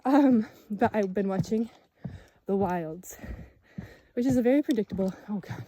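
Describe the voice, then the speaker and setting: A woman's voice: medium pitch, moderate pace, dark tone, a little hiss or hum. A young woman vlogger chatting casually while walking a forest trail, rambling with self-mocking asides. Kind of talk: casual chat while hiking.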